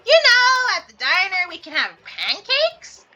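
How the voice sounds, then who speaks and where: A woman's voice: extremely high pitch, huge pitch swings, measured pace, heavy background noise, voice pushed up, heavily acted. A woman voicing a cheerful young man in a game, eagerly inviting a friend to breakfast. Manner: eager, bubbly, upbeat invitations.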